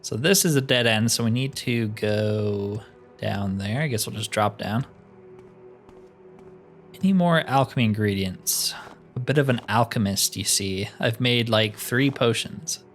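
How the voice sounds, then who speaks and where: A gaming YouTuber chats casually and thinks aloud while playing a fantasy roleplay game, his lowish voice a bit bright and his pace unhurried. Soft music plays in the background of his let's-play commentary.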